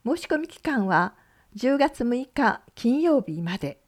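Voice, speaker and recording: A woman radio announcer reading community event notices, working through lists of places and numbers in a measured way. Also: a little high, very animated.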